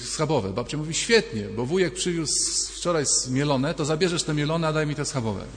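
A man's voice: on the high side, expressive, a little fast, noisy background. A man preaching a sermon as a priest, telling stories and acting out little dialogues in a conversational way. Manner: storytelling, conversational, acts out dialogues. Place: church. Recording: long church reverb.

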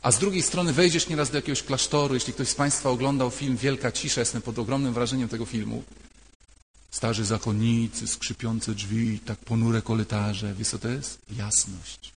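A man's voice: mid-range voice, brisk. An older man, a priest, giving a sermon in a conversational, emphatic way and repeating key phrases. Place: church. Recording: long church reverb.

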